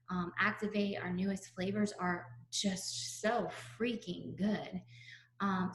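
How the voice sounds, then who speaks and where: A woman gives her sales team a chatty, energetic pep talk over a video call, full of fillers and a little out of breath. Her voice sits mid-range and sounds roomy, with a faint hum underneath. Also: mid-range voice. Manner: chatty, upbeat, many fillers. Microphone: laptop mic on a video call.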